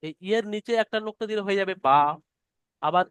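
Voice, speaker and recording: Patient high-voiced male teacher. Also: fairly bright tone, clear, resonant tone, dry recording. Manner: slow, patient, drawn-out letter demonstrations. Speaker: Arabic alphabet teacher. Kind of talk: online class lesson. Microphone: computer mic on a video call.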